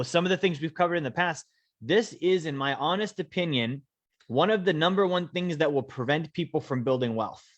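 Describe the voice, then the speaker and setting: Brief: male host from Alaska, webinar presenter, measured delivery, fillers, slows for emphasis. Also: a little high, fairly bright tone. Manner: measured, slows to stress key points, frequent "um" and "okay?". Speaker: host, wealth coach.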